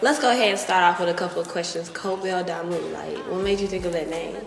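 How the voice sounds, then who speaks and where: Young woman hosting an interview, lowish voice, chill and chatty, echoey room. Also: fast, vocal fry, a faint crowd. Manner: friendly and relaxed, asks questions with fillers. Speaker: interview host. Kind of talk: casual interview. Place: lounge with large windows, indoors. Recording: echoey room with music behind.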